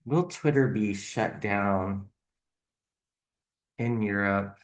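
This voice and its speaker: A man hosting a channel casually reads tarot cards, speaking haltingly as he thinks aloud and offers speculative commentary. His voice is on the low side.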